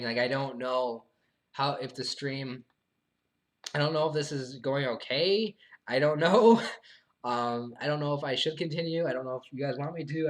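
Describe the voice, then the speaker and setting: This is a casual live stream in which a young man with a mid-range voice responds to viewers' questions. He speaks softly, earnestly and haltingly, restarting often and filling gaps, his voice worn down from talking so long.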